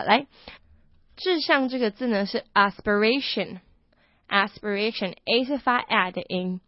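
A woman teaching English pronunciation, slowing down to repeat each word carefully. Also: a little high, dry recording, muffled recording. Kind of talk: online pronunciation lesson.

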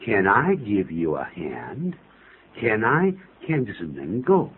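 A low-pitched man teaches English phrases on a radio show, his voice swinging up and down as he jokes through examples. The sound is thin and phone-like, with a faint hiss underneath. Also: slow, breathy edge. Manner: jokey, animated, laughs at his own examples. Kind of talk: radio English lesson, chatty explaining.

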